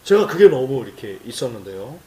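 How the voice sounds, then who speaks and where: A male pastor preaching a sermon in church, emphatic and animated, telling stories and acting out cries. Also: medium pitch, fairly quick, echoey room, distant mic.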